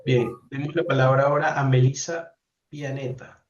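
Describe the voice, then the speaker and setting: Male professor, mid pitch, polite, unhurried, heard from a distance on a dull call line. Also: flat delivery. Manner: courteous, unhurried, thanks each speaker. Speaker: professor hosting an online class. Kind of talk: calling on participants in a video class. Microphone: video call.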